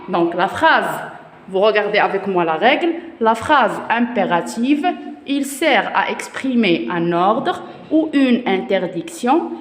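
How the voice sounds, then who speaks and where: A woman teaching a grammar lesson to children in a slow, patient way, repeating each point. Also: medium pitch. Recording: echoey room with long reverb.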